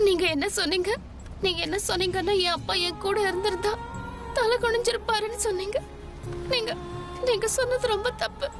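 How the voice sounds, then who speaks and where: A woman's voice: high voice, normal speed, long pauses, lightly acted. A woman dubbing a young woman in a TV serial, hurt but polite and earnest. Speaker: lead character in a dubbed serial. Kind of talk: dubbed TV serial drama. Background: background music.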